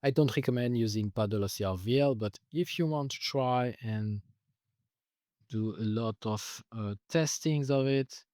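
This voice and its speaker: Hesitant and repeatedly restarting, a software developer fills his casual screen-capture walkthrough of his tool with "uh"s. His mid-pitched voice is slightly frayed, as though he's losing it. It's captured close and dry, with nothing of the room audible.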